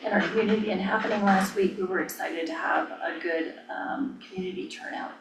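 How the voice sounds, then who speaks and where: Casting: American woman official, halting and informal, mid pitch, echoey room, away from the mic. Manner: hesitant, halting phrasing. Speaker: planning staff official. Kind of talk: informal update at a public meeting. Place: indoor public meeting room. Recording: echoey room, distant mic, faint noise.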